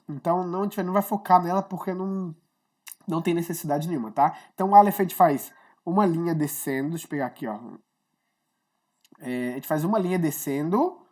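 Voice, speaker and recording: A woman's voice: on the low side, darkish tone. A woman gives a casual online Hebrew lesson, explaining each letter step by step and often checking in with her students. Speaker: Hebrew teacher.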